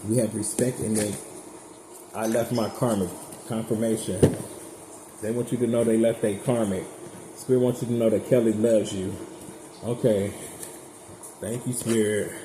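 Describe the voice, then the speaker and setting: A man's voice: on the low side, steady tone, normal speed, long pauses. A man giving a casual tarot reading straight to his viewers, chatty, blunt and profane. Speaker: tarot reader. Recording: echoey room with background noise.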